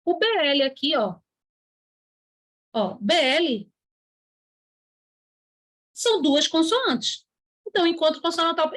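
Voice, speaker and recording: High-voiced woman teaching a lesson. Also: a bit bright. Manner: explains slowly, stretching key words, asks students' questions in a put-on voice; writes on a board while talking. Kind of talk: online grammar lesson.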